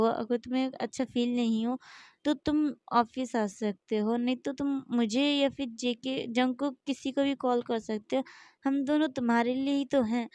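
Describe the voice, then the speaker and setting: Woman voicing a calm, soothing young man. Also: fairly high pitch, clear, resonant tone, dry recording, close to an everyday voice. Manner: soothing, reassuring.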